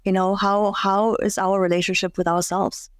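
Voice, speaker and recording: A middle-aged woman from Germany speaks as a coach on a podcast. She talks reflectively and often restarts her sentences. Her voice sits at a medium pitch, recorded close and dry. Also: flat delivery, moderate pace, smooth, no echo. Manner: reflective, frequent restarts and fillers. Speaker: career and life coach. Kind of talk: podcast interview guest.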